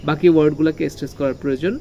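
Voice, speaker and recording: The recording is dull with a little hiss or hum, and the English teacher's dark, mid-range voice stays fairly even in intonation while moving at a rapid-fire pace. Teaching children, the teacher asks questions, answers them, and stresses key words heavily as they're repeated.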